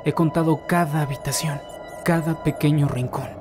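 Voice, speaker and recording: Man as a highish-voiced desperate captive. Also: fairly even intonation, normal speed, lightly acted. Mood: desperate, weary. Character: desperate captive man slowly losing his mind. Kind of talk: animated horror parody acting. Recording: loud music behind.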